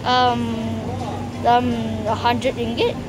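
A woman's voice: fairly high pitch, little pitch movement, slow, low-quality recording. A woman filming a casual shopping vlog on a handheld phone in a busy supermarket, exclaiming at the food and the prices. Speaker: vlogger. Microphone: handheld phone camera. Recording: loud background noise.

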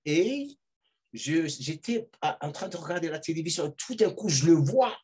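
A middle-aged man telling a personal story as a podcast guest, animated and full of restarts and repeated words. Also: a little high, moderate pace, slightly rough. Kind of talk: casual storytelling.

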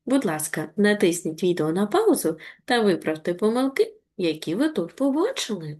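A woman teacher giving an online reading lesson to young children, encouraging and deliberate, slowing down to spell out words. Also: medium pitch, very animated, darkish tone. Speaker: primary school teacher.

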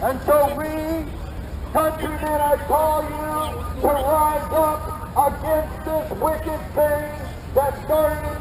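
A man in his fifties preaching loudly and fervently to a crowd on a city street. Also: very high voice. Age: 50s. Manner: loud, fervent and declamatory. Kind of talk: open-air street preaching. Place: city street outdoors among a large crowd. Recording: echoey street with crowd noise.

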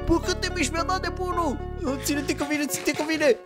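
A young man giving excited gameplay commentary, talking straight to viewers and swinging from hushed murmurs to sudden yelps. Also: very high-pitched. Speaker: gaming YouTuber. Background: game music.

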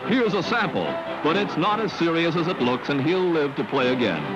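Man, old newsreel narrator, high pitched, animated, wry, music blaring behind. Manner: brisk, wry announcer delivery. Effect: old newsreel sound. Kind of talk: 1950s newsreel sports narration. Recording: lo-fi old film soundtrack with loud music.

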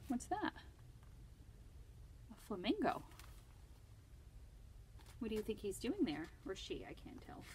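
Lady librarian doing storytime for kids, slow and sing-song, asks the kids questions, laughs a lot. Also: medium pitch, fairly bright tone, slight background noise. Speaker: children's librarian. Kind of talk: storytime read-aloud for children.

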